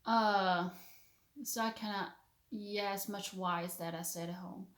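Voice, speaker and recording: A stay-at-home mother and vlogger from China, in her thirties, shares an earnest personal faith testimony in English as a non-native speaker with a Chinese accent. She speaks haltingly, searching for words, in a steady, medium-pitched, slightly bright voice within an echoey room.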